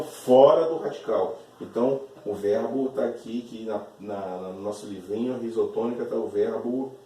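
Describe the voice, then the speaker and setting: Aula gravada num cômodo com eco, de um professor brasileiro de voz grave e mansa. A fala é pausada e didática, cheia de repetições e de um "certo?" constante. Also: male voice, mid-range voice, warm tone. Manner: slow, repeats words, often checks with "certo?". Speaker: teacher. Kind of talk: classroom lesson explaining grammar. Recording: echoey room, voice from a distance.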